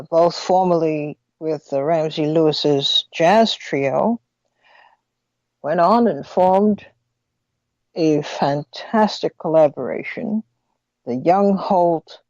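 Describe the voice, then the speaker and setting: Slow halting woman radio host, talks like her sore mouth wont open all the way, dull roomy sound. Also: low-pitched, darkish tone. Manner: slightly muffled speech through a barely opened mouth; halting, deliberate phrasing with long pauses. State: mouth injured from a fall, cannot open it fully. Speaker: radio talk show host. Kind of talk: radio commentary.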